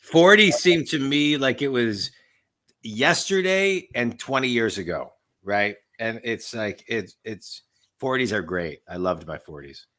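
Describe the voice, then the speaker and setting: A man in his late forties, a podcast host and business coach, runs a casual interview over a video call from his home office. His mid-range voice is pushed and bright, with lively intonation and a measured pace, and he talks emphatically and ramblingly, repeating his points.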